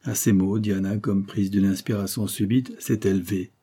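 A man narrating an audiobook of a classic novel in a steady literary manner. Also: lowish voice, moderate pace, husky. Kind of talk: audiobook reading.

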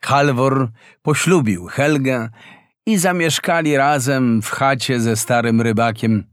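Slow, expressive male fairy-tale narrator. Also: mid-range voice, no room sound, clean studio sound. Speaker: storyteller.

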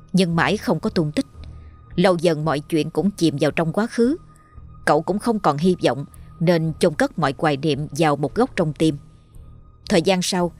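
Low-voiced woman narrating a ghost story. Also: darkish tone. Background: faint music.

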